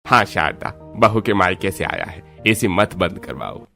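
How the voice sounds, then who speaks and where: A man's voice: deep voice, animated, measured pace, gravelly, bright, forceful tone, faint music behind, full character voice. A man voicing a mild, easygoing older father-in-law in a cartoon. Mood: soothing.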